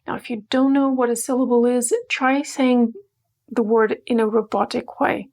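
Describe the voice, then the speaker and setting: A Portuguese woman leads a scripted language lesson in a playful, emphatic style, slowing down whenever she spells out words. Her slightly high voice carries a gravelly, fry-tinged edge, with a steady, darkish tone.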